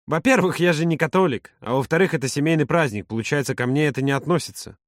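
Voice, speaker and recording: A man voicing a lively, teasing young man in an audiobook, pitched higher than his narration. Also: fast, dry recording, studio quality, lightly acted. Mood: cheerful. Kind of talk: audiobook character voice.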